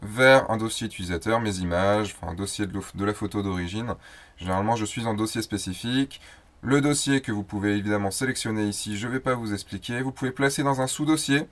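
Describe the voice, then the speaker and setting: A man hosting a photo tutorial, explaining software in a loose, chatty way with fillers and self-corrections. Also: fairly low pitch, fast talker. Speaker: host of a photo tutorial show. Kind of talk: casual screen-recorded software tutorial.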